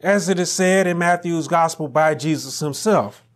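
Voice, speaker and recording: A middle-aged man preaching a sermon from a pulpit in a small church room, building to near shouts on key lines. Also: a little high. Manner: rising to near shouts on emphatic lines, slow deliberate phrasing. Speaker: pastor.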